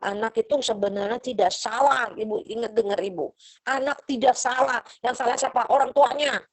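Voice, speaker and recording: A woman's voice: fairly high pitch, normal speed, poor audio. A middle-aged woman lecturing a university class over a video call, chatty and motherly. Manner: motherly, chatty, acts out parents' lines.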